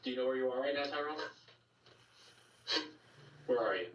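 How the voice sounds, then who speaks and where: Male detective, calm and coaxing, old interrogation tape: distant room mic, roomy echo. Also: mid-range voice, normal speed, dull audio. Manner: calm, coaxing, repeats "okay?". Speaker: sheriff's detective. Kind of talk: police interrogation. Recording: echoey room tape from a distance, faint hiss.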